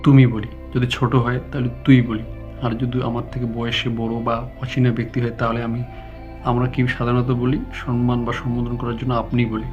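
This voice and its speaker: A man with a Bengali accent teaches an English lesson, speaking slowly and checking in with his viewers. His pitch stays flat and level as he talks without a script, now and then tripping over a word. The recording sounds slightly dull, with faint music underneath. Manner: slow, deliberate explaining with frequent checks; unscripted, stumbling at times.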